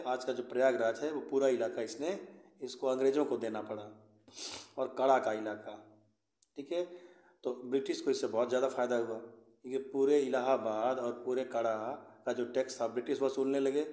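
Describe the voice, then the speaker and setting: A man's voice: mid-range voice, steady tone, moderate pace, warm tone, roomy sound. A man teaching a school history lesson, explaining step by step, often checking in with "theek hai" and mixing in English words.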